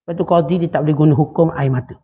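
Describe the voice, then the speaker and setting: A man's voice: on the high side, racing, husky, highs cut off. A middle-aged Malaysian man with a Malaysian Malay accent, teaching a religious sermon and telling stories with quoted dialogue. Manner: storytelling, animated, with quoted dialogue.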